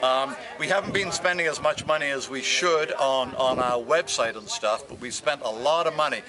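Standing outdoors near a truck and a brick building, a fifties-aged leader of an ocean research group gives an eager, earnest interview, frequently starting his sentences over. His pitch is medium and his pace moderate. Behind him you can hear a crowd and general street noise.

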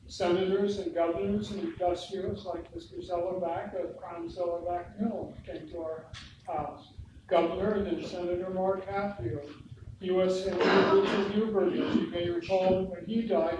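An older, long-time resident of Lebanon, Oregon, speaks with an American accent and a medium-pitched voice, reading written reminiscences aloud at a local history talk. A far camera across an indoor meeting room with hard walls captured it, leaving the sound distant, very echoey, and noisy.

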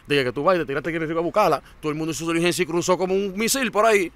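A man with a Dominican accent, a guest telling his story in a casual interview. He talks in an animated way, repeats words and acts out what others said. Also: fairly high pitch, rapid-fire.

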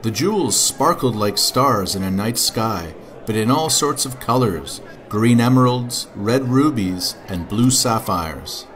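A father reading a children's picture book aloud with expressive, animated storytelling. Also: medium pitch, a little slow, few pauses.

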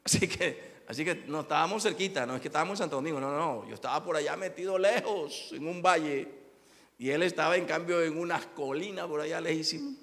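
A man preaching as a bishop, telling a personal story and often calling out to his listeners, moving from quiet asides to loud exclamations. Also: fairly high pitch, brisk, big-room sound. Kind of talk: sermon with personal testimony.

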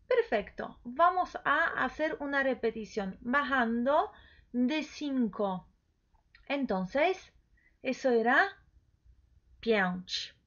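A woman teaching pronunciation, repeating each word slowly and coaxing the listener to say it back. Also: on the high side, a bit bright. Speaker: language teacher. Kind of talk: slow pronunciation lesson. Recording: dull lo-fi recording.

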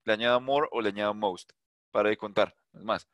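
A man's voice: on the low side, fairly quick, fairly bright tone, no echo, muffled recording. A man teaching an English grammar lesson in an online class, patient and repetitive, often asking rhetorical questions. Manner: patient, repeats himself, asks rhetorical questions.

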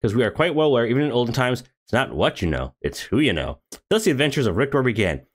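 A man's voice: medium pitch, very animated, quick pace. A man who streams games, reading a game story aloud with sarcastic asides.

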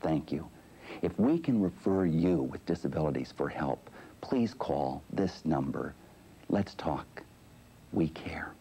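A man reading a scripted public service message in an earnest, measured way. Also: a bass voice, animated, mellow, husky, rough recording.

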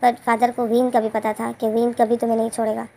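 Female storyteller, gravelly, monotone, casual and rambling, fixes her own slips. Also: fairly high pitch, fast. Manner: rambling, self-correcting.

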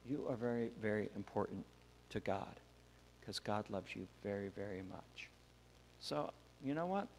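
Male pastor, children's sermon, animated storytelling, reverberant sanctuary, faint hum. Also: on the low side, moderate pace, vocal fry. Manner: animated, acts out the voices in the story. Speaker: pastor giving a children's message. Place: church sanctuary. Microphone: wireless mic.

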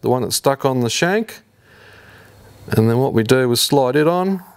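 A man in his fifties with an Australian accent, hosting a fishing tutorial in a garage workshop and explaining each step in a relaxed, slangy way. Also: mid-range voice, moderate pace, smooth. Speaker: fishing channel host. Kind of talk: hands-on tutorial. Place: indoor garage workshop with shelves.

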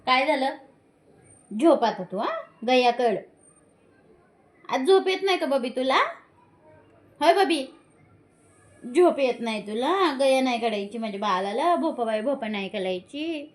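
Woman, high-pitched, slow, coaxing baby talk to her cat; sing-song, questioning delivery. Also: animated. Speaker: cat owner.

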